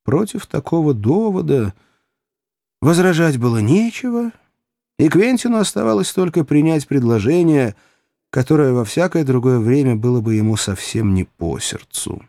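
Brief: expressive male reader, dry close recording. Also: a little high, normal speed, no echo. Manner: lively, theatrical delivery. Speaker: audiobook reader. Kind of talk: expressive audiobook narration.

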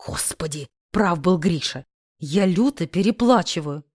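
A woman's voice: lowish voice, expressive, unhurried, darkish tone, dry recording, clean studio sound, pitched below the performer's own voice. A woman voicing a mocking, bossy rich young man who teases and hisses orders. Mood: commanding. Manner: smug, teasing, hissing orders.

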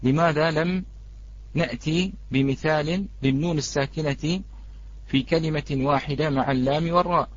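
A man teaching a live online recitation lesson. He greets the students in the chat and draws out each example word slowly. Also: a little high, fairly even intonation, highs cut off.

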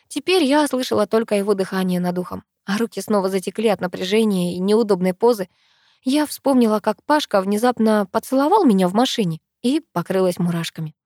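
A young woman narrating a first-person audiobook in a lively, expressive storytelling manner. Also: mid-range voice, dry recording, studio quality.

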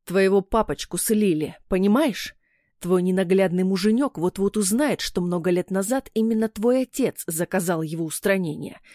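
A woman's voice: medium pitch, moderate pace, dark tone, dry recording, lightly acted. A woman reading an audiobook voices an angry, bitter young man who snarls and mocks in a dry recording. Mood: menacing. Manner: snarling, mocking. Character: menacing young male ex-fiancé, angry and bitter. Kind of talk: audiobook character voice.

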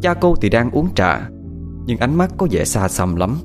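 A man with a Southern Vietnamese accent narrating a ghost story in a dramatic, expressive way. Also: medium pitch, normal speed, over music.

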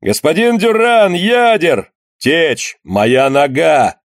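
A man's voice: a little high, sing-song, takes it slowly, pitched above the performer's own voice. A man reading an audiobook voices panicked wounded sailors pleading frantically for help. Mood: frantic.

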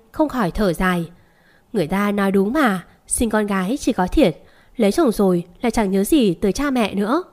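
A woman's voice: medium pitch, darkish tone. A woman narrating a serialized story, reading quoted lines with only a light change of voice.

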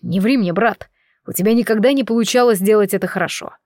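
A woman's voice: medium pitch, fast, a little mellow, dry recording, studio quality, close to an everyday voice. A woman reading the part of an anxious, protective man who speaks urgently and imploringly. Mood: angry.

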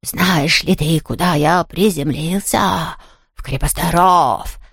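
Playful boastful ghost boy, voiced by a woman, gravelly, very slow drawl, storybook. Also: low-pitched, a bit bright, no room sound, clean studio sound, heavily acted. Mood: teasing, sly. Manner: slow, drawn-out wailing voice. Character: mischievous playful male ghost, boastful yet bashful. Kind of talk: audiobook character voice.

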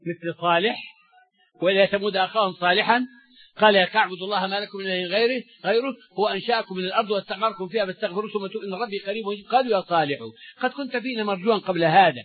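Older man, sermon commentary, high-pitched, lo-fi recording. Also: racing, no room sound. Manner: colloquial storytelling mixed with recited verses, stammering restarts. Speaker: Islamic scholar giving a Quran commentary lesson. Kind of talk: sermon-style Quran commentary. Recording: dull lo-fi dry recording.

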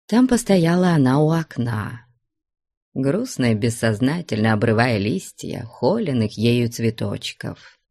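A woman narrating a classic novel as an audiobook in a measured, expressive way. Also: extremely low pitch, dry recording, clean studio sound. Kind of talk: scripted narration.

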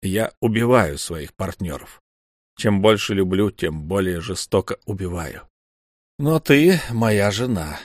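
A male audiobook reader playing a brooding, tormented warrior husband who speaks low and grim. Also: animated, a little slow, no room sound, studio quality.

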